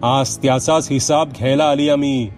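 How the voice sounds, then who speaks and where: A man's voice: mid-range voice, steady tone, moderate pace, a little mellow, faint music behind, close to an everyday voice. A man voicing a vengeful female ghost who possesses a young village nurse, speaking in rural Marathi with a harsh, growling, threatening manner. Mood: menacing. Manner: menacing, taunting threats.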